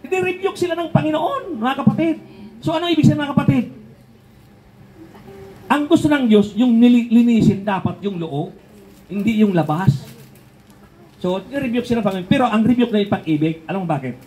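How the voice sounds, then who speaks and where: A man's voice: very high-pitched, brisk, long pauses, warm tone, a little hiss or hum, poor audio. An older man preaching a sermon in a conversational way, asking rhetorical questions and chuckling between points.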